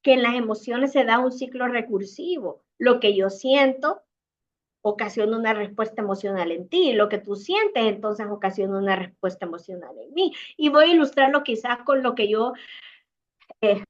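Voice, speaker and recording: A fairly high-voiced woman with a Salvadoran accent talks parents through everyday situations, acting out little exchanges between parents and children. The sound is dull and lo-fi, like an online stream. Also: animated, normal speed. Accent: Salvadoran Spanish. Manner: warm conversational advice, acts out little dialogues. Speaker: parenting speaker.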